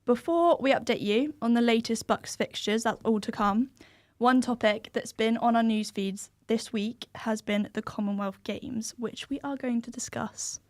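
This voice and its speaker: A woman's voice: a little high, normal speed, dry recording. A young woman with an English accent, hosting a student radio show and leading an informal discussion. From England. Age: young adult.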